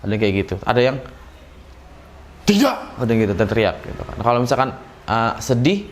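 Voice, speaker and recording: A man gives a relaxed, chatty acting lesson and acts out short emotional examples as he goes. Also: on the low side, racing, slight background noise. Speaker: acting teacher. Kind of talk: casual classroom-style lesson.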